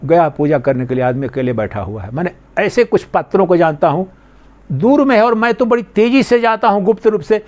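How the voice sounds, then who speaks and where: An older man, a swami, giving a conversational spiritual discourse on scripture, sometimes acting out imagined speakers in a lower, softer voice.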